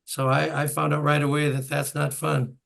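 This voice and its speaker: Seventies male host, gravelly, chatty storyteller. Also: fairly high pitch, little pitch movement, moderate pace, a bit bright. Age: 70s. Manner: storytelling, chuckling asides. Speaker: host and bandleader. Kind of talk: reminiscing interview chat.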